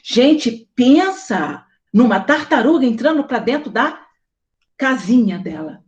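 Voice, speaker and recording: A woman host with a Brazilian Portuguese accent, talking casually to her audience and telling stories with animated, acted-out dialogue. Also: on the high side, slow pace, dull audio. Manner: animated storytelling, acting out quoted dialogue; married woman recounting daily life.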